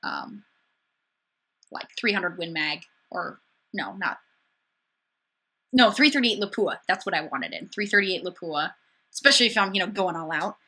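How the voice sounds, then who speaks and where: Bright-voiced young woman from Wisconsin chatting. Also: lowish voice. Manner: chatty, upbeat, sarcastic, quick restarts. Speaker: livestream host. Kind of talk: casual livestream chat reading viewer comments. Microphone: webcam mic.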